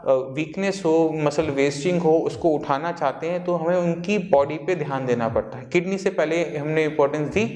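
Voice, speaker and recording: A man's voice: on the high side, moderate pace, few pauses, a little mellow, long reverb tail. A man, a doctor, explaining treatment earnestly to camera and interviewing a patient, with rhetorical questions. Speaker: doctor hosting a health channel.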